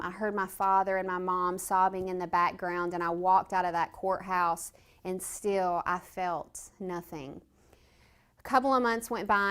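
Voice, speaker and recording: A woman in her thirties giving a personal testimony at a reentry event, telling her story and acting out the voices of people in it. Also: smooth. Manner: storytelling, acts out quoted voices with big pitch jumps. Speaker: reentry speaker.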